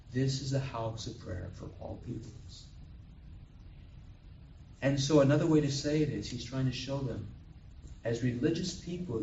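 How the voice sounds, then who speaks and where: A man's voice: mid-range voice, dark tone, a little hiss or hum. A man giving a homily as a priest, telling a story and acting out the quoted voices. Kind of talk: homily at Mass. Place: chapel or church. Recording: echoey room, distant mic, dull sound.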